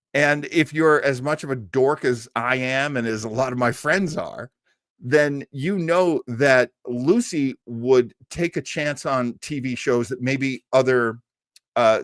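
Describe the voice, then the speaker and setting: Speaking slowly in a medium-pitched voice, an American man who hosts and performs on an old-time radio show tells stories to his livestream audience in a casual way. He shows a fan's enthusiasm and leans on emphatic repetition. The recording is dry and of studio quality.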